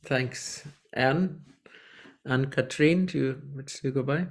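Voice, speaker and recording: Guy running a video call intro round, laid back, lots of ums, mid pitch. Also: unhurried. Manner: relaxed, hesitant, many ums. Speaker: session host. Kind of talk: casual online moderation.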